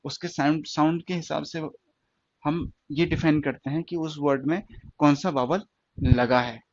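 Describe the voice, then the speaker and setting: Male shorthand tutor, slightly high-pitched, steady repetitive classroom delivery, muffled lo-fi audio. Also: no echo. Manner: slow, repetitive explaining with questions to students. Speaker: stenography teacher. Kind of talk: classroom lesson.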